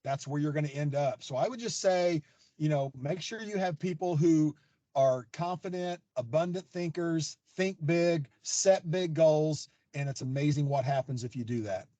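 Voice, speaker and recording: Man, event organizer, upbeat motivational talk, slightly high voice, dry video-call sound. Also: normal speed, dark tone, dry recording. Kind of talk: webinar conversation. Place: parking lot.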